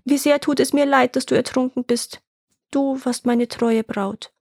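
A woman voicing a gentle, kind-hearted young peasant man in a storybook fairy tale, pleading and emotional. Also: high-pitched, fairly even intonation, unhurried, dry recording, clean studio sound. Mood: tearful.

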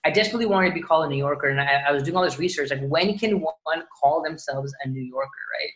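A man's voice: fairly high pitch, fast, a bit bright. A man in his thirties from Dallas, Texas, guesting on a podcast in casual, rambling chat. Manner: rambling, many restarts and fillers.

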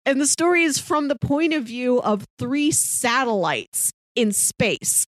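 A woman co-hosting a podcast that reviews shows recommends things casually but earnestly, rattling off emphatic lists with enthusiasm. Her high-pitched voice is expressive and a little slow, in a dry recording.

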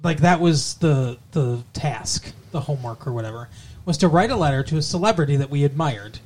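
A man's voice: a little high, animated, brisk, darkish tone, a little hiss or hum. A man co-hosting a podcast in casual chat, goofy and rambling, swearing freely. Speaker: podcast co-host.

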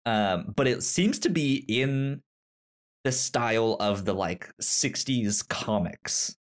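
A podcast co-host chats casually about comics and shows with geeky enthusiasm, often circling back to rephrase himself. His mid-range voice is expressive and slow.

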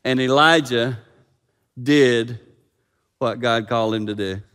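A man preaching a sermon as pastor, swinging from loud dramatic peaks to hushed quiet. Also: mid-range voice, takes it slowly, clean tone. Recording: long reverb of a hall.

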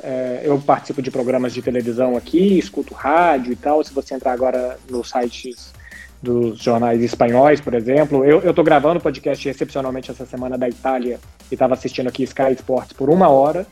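A man's voice: medium pitch, steady tone, brisk, mellow, faint music behind. A man from hosting a casual sports podcast. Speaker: podcast host.

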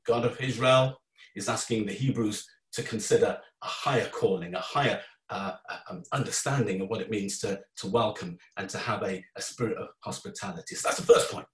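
A man giving an informal, earnest talk, conversational and prone to asides and restarts. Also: medium pitch. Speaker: speaker giving a talk on faith and immigration. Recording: roomy sound from a distant mic.

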